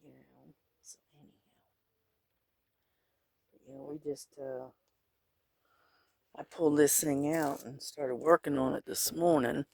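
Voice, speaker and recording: A middle-aged man with a wheezy, congested, breathy rasp, chatting casually and haltingly in an unhurried, folksy way while he paints. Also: on the high side, fairly even intonation, no echo. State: congested, wheezing, clearing throat often. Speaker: painting vlogger.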